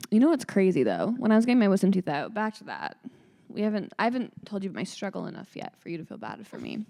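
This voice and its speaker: A woman's voice: medium pitch, creaky. A young woman co-hosting a podcast, chatting casually and telling a story with lots of swearing and acted-out voices. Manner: animated storyteller, swears freely, acts out voices. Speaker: podcast co-host. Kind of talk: casual chat.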